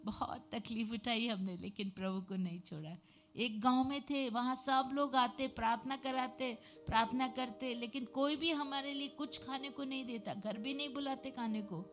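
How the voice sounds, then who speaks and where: A woman giving her personal testimony to a church congregation, telling the story in a lively way with emphatic hallelujahs. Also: on the high side, moderate pace.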